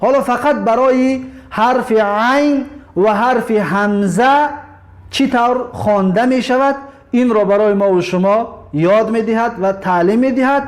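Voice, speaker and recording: A man with a Tajik accent teaching an Arabic lesson on video, opening with formal religious greetings and repeating words slowly to drill pronunciation. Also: very high-pitched.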